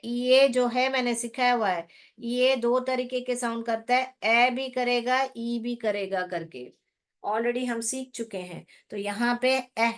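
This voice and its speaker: Lady teacher going slow over phonics, bit high voice, repeats words a lot. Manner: patient, explains slowly and repeats words for drilling; mixes English words into instruction. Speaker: English teacher. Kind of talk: classroom phonics lesson.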